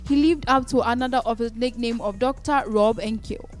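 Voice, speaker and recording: Female narrator, somewhat high voice, steady scripted read, faint music underneath. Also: normal speed. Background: background music.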